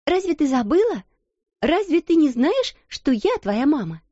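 A woman doing a firm, gentle proud schoolgirl. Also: sits high, sing-song, measured pace, dry recording, muffled recording, pitched above the performer's own voice. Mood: coaxing. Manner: gentle yet stern. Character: kind but firm schoolgirl, proud and composed.

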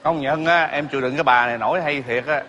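High-voiced man pleading on stage. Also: fast talker, dull audio. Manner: pleading and theatrical. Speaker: comedian in a sketch. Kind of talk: stage comedy sketch acting. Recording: live stage with loud music and audience.

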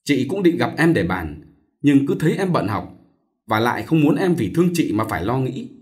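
A man's voice: medium pitch, big pitch swings, moderate pace, darkish tone, lightly acted. A man voicing a distressed young married woman, an elder sister who pleads and weeps. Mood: tearful. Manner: tearful, pleading.

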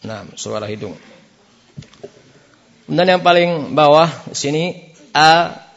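A man teaching a beginners' Quran recitation class, sounding out letters, having students repeat and chanting verses slowly as examples. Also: on the high side, expressive, gravelly, muffled recording. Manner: chants verses slowly to show right and wrong. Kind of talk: classroom tajwid lesson. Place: Islamic boarding school class.

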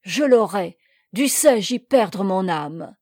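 A woman's voice: medium pitch, slow pace, darkish tone, no echo, clean studio sound, lightly acted. A woman reading aloud voices a scheming, greedy aging male steward who talks with fervent, sneering intensity.

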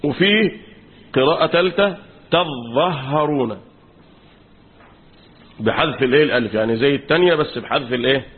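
A man's voice: medium pitch, expressive, fast talker, husky. A man with an Egyptian accent, a sheikh teaching Quran commentary in a classroom lecture, who keeps quizzing the class with fill-in questions. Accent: Egyptian Arabic. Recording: tinny phone-like recording.

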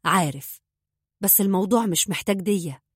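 A woman's voice: medium pitch, a little fast, husky, dry recording, studio quality, lightly acted. A woman voicing a terse, expressionless grieving man. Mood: cold. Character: grim, reserved grieving husband.

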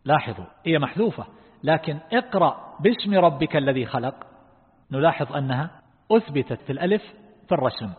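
Husky-voiced man teaching in a reverberant hall. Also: a little high, lively intonation. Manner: asks the class questions; explains slowly and deliberately. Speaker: Islamic scholar teaching Quran reflection. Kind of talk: religious lesson. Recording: phone-like audio in a long-reverb hall.

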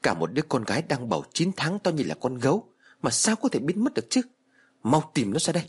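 A man voicing a harsh, domineering old woman who scolds and curses her household in a shrill voice. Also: sing-song, quick pace, breathy edge. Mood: furious scolding.

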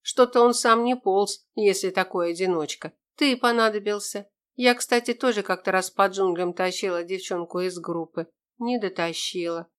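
A woman's voice: medium pitch, natural voice. A woman reading an audiobook, voicing a tough, pregnant woman soldier who speaks plainly and earnestly. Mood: mocking.

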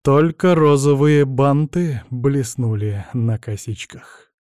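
A man narrating a first-person story as an audiobook reader, with a measured, even delivery. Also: mid-range voice, dry recording, clean studio sound.

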